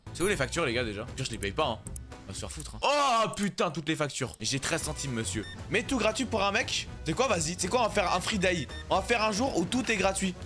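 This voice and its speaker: A man giving slangy, excitable let's-play commentary as a gaming YouTuber, swearing and joking with viewers. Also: sits high. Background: background music.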